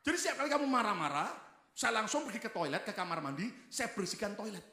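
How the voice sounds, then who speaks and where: A man voicing a calm, sly middle-aged husband who speaks low and hushed, in an echoey church hall. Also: quick pace, heavily acted. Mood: smug calm.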